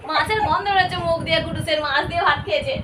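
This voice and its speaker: A woman's voice: very high-pitched, steady tone, rapid-fire. A woman coaxing and teasing her toddler playfully. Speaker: vlogger, mother. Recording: roomy, mic far off, noisy background.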